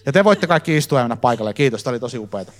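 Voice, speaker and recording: A man giving a lively sermon to a congregation in a church hall, talking to them directly. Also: medium pitch. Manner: lively, fillers and restarts, addresses congregation directly. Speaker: preacher. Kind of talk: live sermon teaching.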